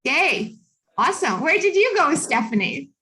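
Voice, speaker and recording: Woman from Russia, Russian native, study abroad advisor, upbeat video-call presenter, slightly high voice. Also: very animated, normal speed, pushed and bright. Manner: upbeat, chatty, many fillers. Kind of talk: online information session.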